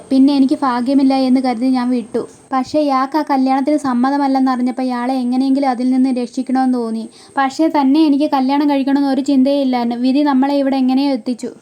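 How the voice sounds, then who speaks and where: A woman's voice: high voice, flat delivery, fast talker, mellow, natural voice. A woman voicing an earnest young man who pleads his love to his wife in a heartfelt way.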